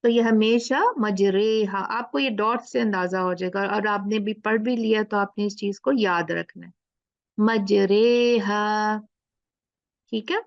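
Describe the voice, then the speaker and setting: A woman teaching a Quran recitation lesson, drawing out the letter sounds slowly as she demonstrates them. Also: medium pitch, gravelly, dry recording. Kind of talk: explaining a lesson. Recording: dull lo-fi recording.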